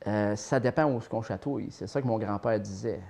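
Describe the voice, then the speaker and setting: A man from Saint-Tite in Quebec's Mauricie region, speaking with a Québécois French accent, is an interview guest telling family legends in a lively, playful, anecdotal way. His voice is on the low side, brisk and gravelly, in a casual storytelling interview.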